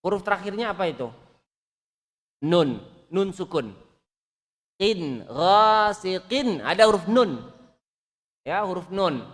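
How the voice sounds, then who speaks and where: A man teaching Quran recitation, correcting pronunciation and drilling syllables slowly for his students to repeat. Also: high voice, expressive. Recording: long hall reverb.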